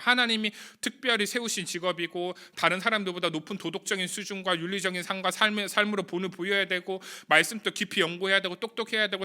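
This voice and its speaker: A young male youth pastor gives a sermon in a high, very bright voice. He talks to the teenagers with earnest, confessional emotion, and his voice rises with feeling. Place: church or home studio for online youth service.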